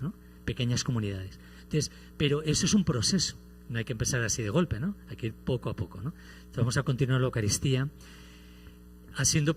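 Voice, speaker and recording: A priest preaches in a lively, storytelling manner, mixing jokes into his homily. His voice sits at a middle pitch for a man. A faint electrical hum runs under the recording. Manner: animated storytelling with playful humor.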